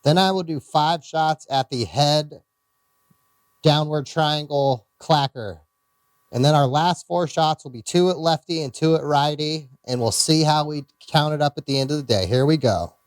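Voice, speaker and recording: A man's voice: on the high side, moderate pace, no echo, clean studio sound. A man with an Iowa accent hosting a casual outdoor shooting range video, rambling and correcting himself as he talks. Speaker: gun channel host. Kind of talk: casual range vlog with ammo test readouts.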